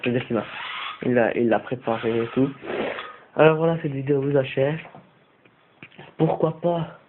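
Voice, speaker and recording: A man's voice: medium pitch, moderate pace. A young man from Belgium with a Belgian French accent, giving a rambling, hesitant tour in a casual vlog, full of fillers. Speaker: vlogger. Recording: tinny lo-fi phone-like audio with hiss.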